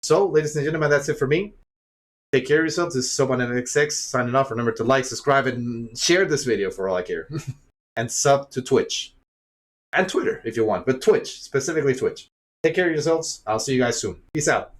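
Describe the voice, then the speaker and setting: A man's voice: medium pitch, animated, fairly quick. A young man from Chile, a little sick, ranting angrily in an unscripted vlog and swearing often. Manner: frustrated, swears a lot, acts out imagined dialogue. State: slightly sick, coughing. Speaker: YouTuber and streamer.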